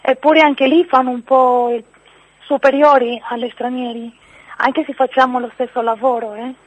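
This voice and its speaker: A woman's voice: high-pitched, flat delivery, normal speed, no echo. A woman with a foreign accent giving her opinion as a caller on a radio phone-in, over a phone line. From outside Italy. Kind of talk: spontaneous opinion call. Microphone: phone call. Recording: narrow, tinny phone line.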